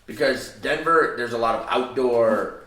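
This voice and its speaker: A man's voice: mid-range voice, unhurried, sharp tone, far from the mic, a little hiss or hum. A man guest comedian in casual podcast chat, rambling and swearing a lot. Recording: roomy echo.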